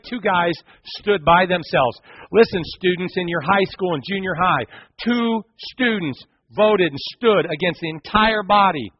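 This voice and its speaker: A man's voice: sits high, husky, no room sound, muffled recording. A male pastor preaching a sermon, telling the story animatedly and speaking directly to the congregation.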